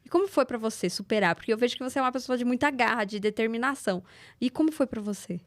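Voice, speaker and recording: A woman's voice: fairly high pitch, rapid-fire. A woman hosting a podcast in a studio, asking curious and encouraging questions. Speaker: podcast host. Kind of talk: casual podcast interview.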